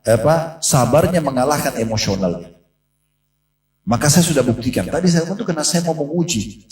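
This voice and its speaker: A man's voice: medium pitch, a little mellow. A man preaching a sermon in a mosque, telling a story and acting out the voices in it. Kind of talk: sermon to a congregation. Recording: echoey room from a distance.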